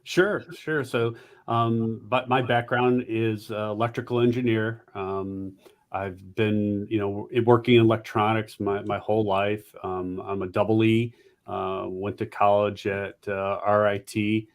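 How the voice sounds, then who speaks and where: A man from upstate New York answering interview questions, halting, with frequent ums and uhs. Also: fairly low pitch, fairly even intonation. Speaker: guest, company founder.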